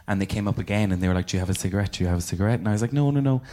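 A man, a guest on a live podcast, tells a story in an animated way, acting out what people said. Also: low voice, rapid-fire. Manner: animated, acts out quoted lines, laughs often. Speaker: podcast guest, drag performer.

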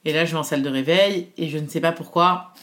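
A woman in her thirties tells a personal story in relaxed conversation. She talks in an animated way, with many fillers, and often slips into the voices of people she quotes. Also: low voice, fast. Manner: animated storytelling, quoting others, frequent fillers. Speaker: guest telling her birth story. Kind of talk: casual chat.

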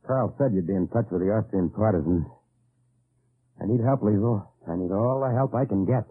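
An actor playing a weary, earnest undercover agent in an old-time AM radio drama, with clipped, haunted delivery. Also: male voice, lowish voice, brisk, husky. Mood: urgent, pleading. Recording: tinny old AM radio recording.

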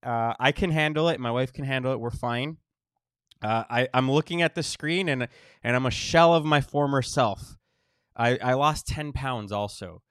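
A man hosting a casual podcast monologue, wheezy and short of breath while recovering from illness, halting with pauses and repeated phrases. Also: mid-range voice, fairly bright tone, clear, resonant tone, no echo, clean studio sound. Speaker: podcast host.

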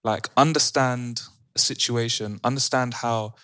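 A man's voice: medium pitch, steady tone, unhurried, fairly bright tone, clean tone, no echo. A man hosting a casual podcast in a London roadman accent. He speaks in urban slang with earnest emphasis, and the recording is dry with little room sound. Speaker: podcast host. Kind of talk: casual discussion.

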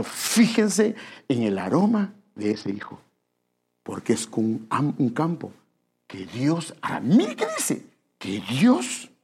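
Here a man with a mid-range voice that is creaky, a little mellow and slightly rough delivers a sermon. His tone is chatty, and he poses questions to his listeners, addressing them as brother.

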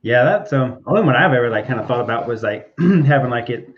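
A man co-hosting a casual podcast chat, describing an idea haltingly with many fillers. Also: mid-range voice, animated. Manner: halting, many fillers and restarts as he builds a scene. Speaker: podcast co-host. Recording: dull lo-fi sound.

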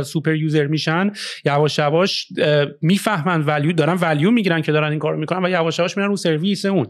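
A startup founder from Iran in a casual podcast conversation, often dropping English phrases and filling pauses with "uh" and "you know". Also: male voice, fairly high pitch. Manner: mixes English phrases into Persian, frequent "uh" fillers and "you know". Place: Canada.

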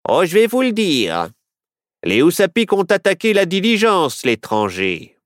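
A man's voice: high-pitched, wildly swooping pitch, unhurried, no room sound, clean studio sound, voice pushed up, heavily acted. A man voicing a stubborn, suspicious Wild West sheriff in a storybook reading, with a blunt, certain manner. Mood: gruff.

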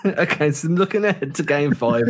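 A man's voice: a little high, expressive. Joking man co-hosting a sports podcast. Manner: quick joking asides, analytical. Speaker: podcast co-host. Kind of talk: casual sports chat.

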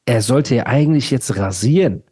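Slangy, animated man co-hosting a podcast. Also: mid-range voice, normal speed, husky. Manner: slangy, animated, frequently says "Bruder". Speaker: podcast co-host. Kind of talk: casual podcast chat.

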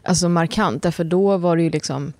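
A woman in her thirties, a comedian guest, telling stories in a lively, casual way with lots of fillers. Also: on the low side, dry recording. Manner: lively storytelling with frequent fillers and laughs. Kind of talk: casual podcast chat.

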